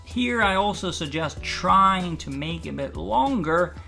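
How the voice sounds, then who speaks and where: Articulation coach, mid-pitched, slow and deliberate, stressing and stretching words, music underneath. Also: expressive, creaky, bright, forceful tone. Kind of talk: instructional articulation lesson with demonstrated drills.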